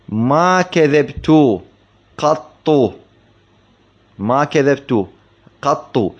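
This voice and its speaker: Male grammar teacher, mid-pitched, deliberate lecture delivery with rhetorical questions, muffled lo-fi recording. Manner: slow, explanatory, repeats words for emphasis, asks rhetorical questions. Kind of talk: classroom text commentary. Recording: dull lo-fi recording.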